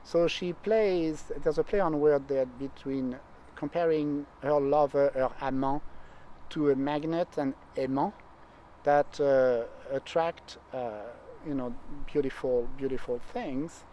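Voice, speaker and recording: Guy chatting about a poem like a scholar, kinda highish voice, gets excited telling stories, faint street noise behind. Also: unhurried, dull audio. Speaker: literary scholar. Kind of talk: conversational literary discussion.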